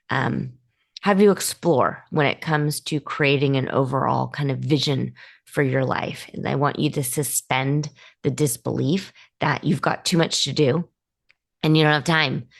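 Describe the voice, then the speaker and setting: Low, gravelly-voiced woman coaching listeners. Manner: chatty, encouraging, with many ums and restarts. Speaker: podcast host and life coach. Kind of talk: casual motivational talk to listeners.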